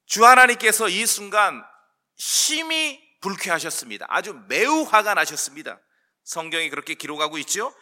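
Bright, high-voiced man preaching. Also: big pitch swings. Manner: emphatic, rising to loud stresses and slowing on key words; addresses the congregation with questions. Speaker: pastor. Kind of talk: sermon.

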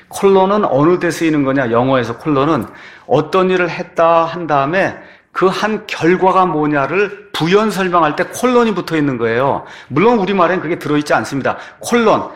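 Male preacher, fairly high voice, emphatic, rhetorical questions, reads verses aloud. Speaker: pastor. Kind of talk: sermon.

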